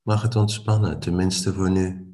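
A man leading a guided body-scan meditation as a teacher, calm and unhurried, speaking in short phrases with pauses between them. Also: sits low.

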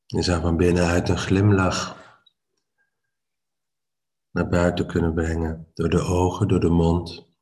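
Very low, even-voiced man guiding relaxation. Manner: calm, unhurried, with short pauses between phrases. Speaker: guided meditation teacher. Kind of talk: slow guided body-scan relaxation.

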